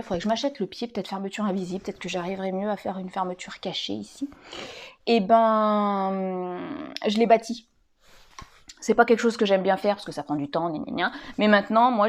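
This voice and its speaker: A woman, chatting casually and rambling a little as she shows her sewing projects. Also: on the high side. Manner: chatty, rambling, many fillers and restarts. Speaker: sewing vlogger.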